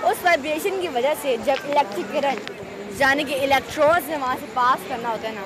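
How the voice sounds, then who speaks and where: A young woman with a Pakistani Urdu accent, patiently explaining a science exhibit to visitors at an outdoor fair. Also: high-pitched. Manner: patient, explanatory, addresses the listeners directly. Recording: noisy outdoor crowd recording. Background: crowd chatter and traffic.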